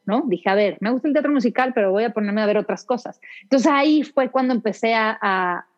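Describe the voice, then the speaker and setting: A woman from Mexico City with a Mexico City Spanish accent, an actress chatting as an interview guest in a lively, rambling way. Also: fairly high pitch, brisk. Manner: chatty, many restarts and fillers. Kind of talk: casual interview conversation. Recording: dull lo-fi sound.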